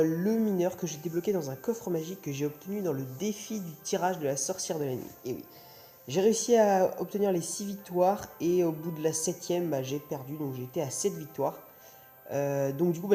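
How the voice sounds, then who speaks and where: Young guy doing casual gaming commentary, really mellow dark voice, mouth sore after wisdom teeth out, kinda rambly, music behind. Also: a little high. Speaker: gaming video host.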